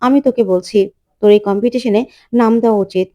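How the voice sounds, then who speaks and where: A woman's voice: fairly high pitch, fast, dark tone, lightly acted. A woman voicing a determined, caring mother who has lost her memory, speaking earnestly and pleadingly.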